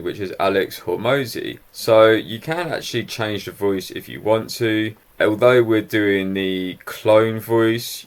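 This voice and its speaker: A man with a low voice talks the listener through a piece of software, step by step. His manner is upbeat and explanatory, like a screen-recorded tutorial. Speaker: software reviewer.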